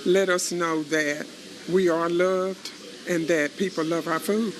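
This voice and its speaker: A man's voice: high voice, steady tone, slow pace, slight background noise. A man from a local business giving an unscripted interview answer.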